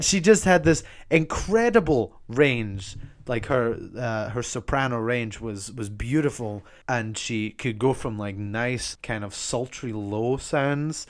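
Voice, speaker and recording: A young man hosting a casual podcast monologue, talking enthusiastically, swearing freely, with frequent ums and restarts. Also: mid-range voice. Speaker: podcast host.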